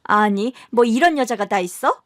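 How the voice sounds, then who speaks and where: A woman's voice: fairly high pitch, expressive, moderate pace, fairly bright tone, no echo, clean studio sound. Woman doing a haughty rich mother-in-law. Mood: scornful. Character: haughty rich middle-aged woman, scornful.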